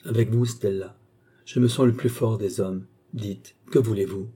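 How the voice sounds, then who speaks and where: A man's voice: on the low side, fairly even intonation, moderate pace, mellow, slightly rough. A man voicing an ardent young male painter in an audiobook, speaking with passionate, pleading intensity. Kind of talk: audiobook character voice.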